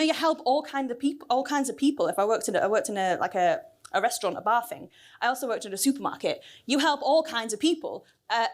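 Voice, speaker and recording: A woman speaking at a conference, losing her voice, chatty and asking the audience questions. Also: on the high side. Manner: chatty, asks the crowd questions. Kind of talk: lively lightning talk to an audience. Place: cinema venue stage.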